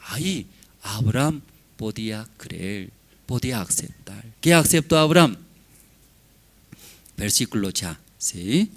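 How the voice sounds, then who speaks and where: Man preaching slow, voice swings up and down a lot, broken grammar. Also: mid-range voice. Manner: emphatic, broken grammar, rhetorical questions. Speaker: pastor. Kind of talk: sermon.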